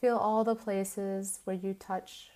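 This is a woman guiding yoga nidra, her delivery flat, her voice mid-range, and her tone dark. Like a sleep story narrator, she soothes with measured short phrases and long pauses.

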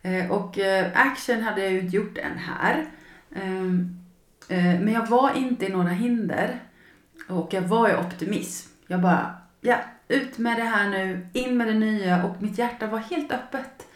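A woman's voice: medium pitch, roomy sound. A woman hosting a personal podcast as a coach, speaking emotionally and acting out her past feelings as she tells a story.

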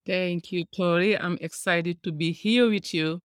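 A woman's voice: lowish voice, a little slow, clear, resonant tone, no room sound, studio quality. A middle-aged woman from Senegal with a Senegalese accent, telling her own story conversationally as an interview guest. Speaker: podcast guest, philanthropist.

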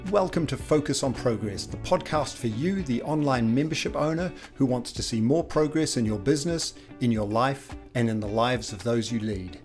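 A man hosts a podcast. His voice is of middling pitch, and he reads his introduction smoothly before moving into relaxed, conversational questions. Faint guitar music plays underneath. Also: normal speed, few pauses. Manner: scripted, smooth delivery in the intro, then easy conversational asking. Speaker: podcast host.

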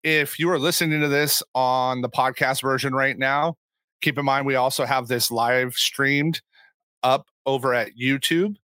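A male podcast host talks sports casually. His voice sits at a middle pitch with a bright, forceful edge. It sounds dry, with no room around it. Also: steady tone, a little slow, no echo.

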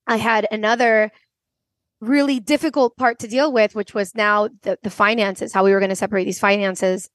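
A woman's voice: medium pitch, dry recording. A woman in her forties from Venezuela, a podcast guest telling a personal story earnestly, with frequent restarts. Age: 40s.

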